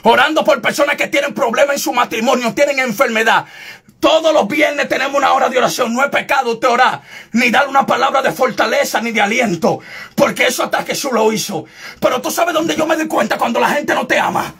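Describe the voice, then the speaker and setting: Evangelist, male, very high gravelly shout, confrontational fire-and-brimstone delivery. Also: brisk. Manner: shouting, insistent and confrontational, bursts into tongues. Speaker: evangelist preacher. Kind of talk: fiery shouted sermon.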